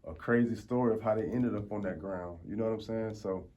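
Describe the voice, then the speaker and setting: Telling stories as an interview guest, a food reviewer in his 40s from Tampa, Florida, speaks briskly in street slang. His voice is lowish with a darkish tone, and the recording's highs are cut off.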